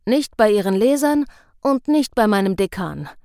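A woman voicing a gruff, stubborn bearded male professor who grumbles and lectures. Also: medium pitch, animated, moderate pace, darkish tone, no echo, clean studio sound, natural voice. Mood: lecturing. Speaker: field researcher.

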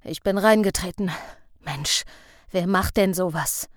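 A woman's voice: on the low side, a little slow, no room sound, studio quality, close to an everyday voice. A woman voicing an injured male police officer who snaps curt warnings and groans complaints in an audiobook reading. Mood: pained. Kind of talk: audiobook character voice.

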